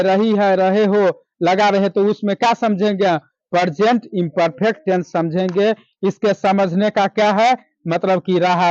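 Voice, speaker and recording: A male teacher with a Bihar accent leads a classroom grammar lesson in a high, unhurried voice. He keeps asking the class questions and repeating the answers back. He draws out his English examples slowly, and the sound is dry and close. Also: dry recording, muffled recording. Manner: drawn-out slow English examples.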